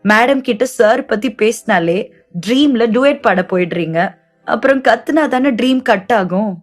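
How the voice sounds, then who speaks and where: A loud, teasing best friend. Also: female voice, on the high side, a little slow. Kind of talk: audiobook character dialogue.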